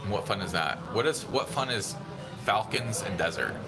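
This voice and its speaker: Low-voiced man livestreaming from a restaurant. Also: moderate pace. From San Diego, USA. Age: 30s. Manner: relaxed, rambling, reads and answers viewer chat. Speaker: livestream host. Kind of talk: casual livestream chat. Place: busy restaurant indoors. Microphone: phone. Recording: phone audio with busy restaurant chatter. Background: restaurant crowd chatter.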